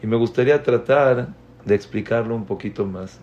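A man giving a religious talk on parenting, speaking deliberately and putting questions to his listeners. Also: medium pitch, darkish tone, lo-fi sound. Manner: slow, deliberate, addresses the audience with questions. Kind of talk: religious community lecture.

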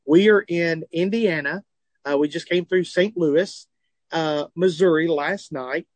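Speaking from a tour bus, a man in his forties with a Southern US accent, a comedian and author, shares his story in a phone or remote interview. His voice is a little high, his pace measured, and his candid delivery animated, earnest and self-deprecating. The recording is dry.

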